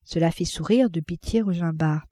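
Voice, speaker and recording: Lectrice posée, voix grave et sèche. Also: female voice, breathy edge, no room sound. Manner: measured, voices characters with raised pitch and loudness. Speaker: audiobook reader. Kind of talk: literary audiobook narration.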